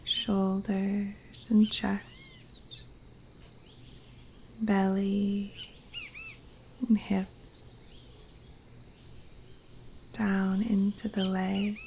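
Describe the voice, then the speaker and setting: Her mid-range, monotone voice hushed and breathy, a woman calmly guides a yoga nidra meditation with long pauses. She's recorded outdoors in a Costa Rican jungle. Faint insects, crickets and rainforest wildlife sound around her.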